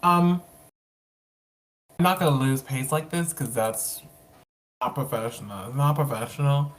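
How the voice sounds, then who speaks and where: An interview host chatting casually, excitable and full of "like" and "um" fillers. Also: medium pitch, measured pace.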